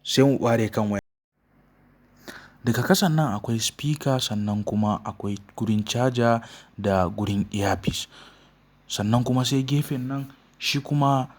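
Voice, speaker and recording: A male tech reviewer with a Nigerian Hausa accent. He presents an unboxing as a channel host, walking viewers through a product. His voice sits at a middle pitch. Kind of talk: phone unboxing and review narration.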